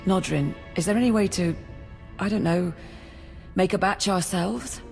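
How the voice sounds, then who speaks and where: In scripted video game acting, a woman voices an imperial officer who is practical and anxious and speaks deferentially to her superiors. Her voice sits on the low side with a measured pace, vocal fry, and a slightly mellow quality. She sounds worried and practical, with soft music in the background.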